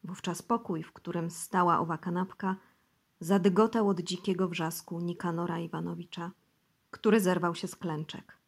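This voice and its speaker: A woman narrating an audiobook in an even, measured storytelling voice. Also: fairly low pitch, creaky, husky.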